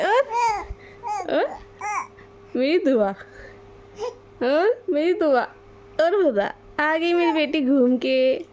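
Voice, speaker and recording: A young mother coaxing her baby twins in sing-song baby talk, repeating their pet names. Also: very high-pitched.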